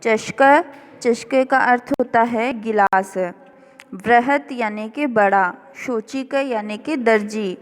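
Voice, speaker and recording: Slow, careful woman teacher in a reverberant room. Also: a little high. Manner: slow, careful word-by-word explanation. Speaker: school teacher. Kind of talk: recorded classroom revision lesson.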